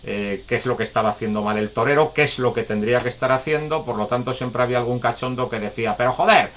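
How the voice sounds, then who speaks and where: A man's voice: mid-range voice, quick pace. Guy telling stories over a call, tinny phone sound, laughs a lot, plays out the voices. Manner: chatty, laughs often, acts out quoted voices. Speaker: guest storyteller. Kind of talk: casual anecdote telling.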